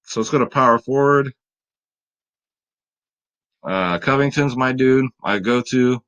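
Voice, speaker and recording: A man's voice: medium pitch, measured pace, a bit bright, clean tone, low-quality recording. Chatty tired man hosting sports picks. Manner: chatty, hype-building, talks straight to viewers. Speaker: fantasy sports picks host. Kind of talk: casual video commentary.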